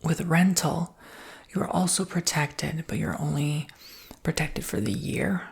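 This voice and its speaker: In a deep, slightly slow whisper, breathy with a creaky edge, a woman performs an ASMR sales roleplay full of casual reassurance.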